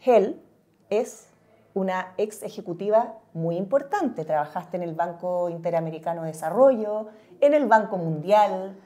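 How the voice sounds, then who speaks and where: A woman's voice: mid-range voice, lively intonation, unhurried, dark tone. A woman hosting an interview, chatty and playfully teasing her guest. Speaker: podcast host. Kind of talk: casual interview.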